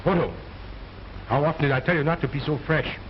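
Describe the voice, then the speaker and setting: A man's voice: a little high, a little fast, close to an everyday voice. A man playing a pompous, easily exasperated ventriloquist, speaking formal stage patter as the straight man in an old film. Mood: scolding. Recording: muffled old film soundtrack, faint noise.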